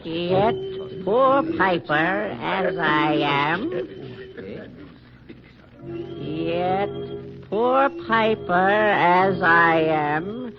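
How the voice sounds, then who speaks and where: An actor playing the Pied Piper, a mysterious male wanderer, speaking in a measured, courtly way in 1940s radio acting on a dull old broadcast. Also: high-pitched, expressive, over music, full character voice.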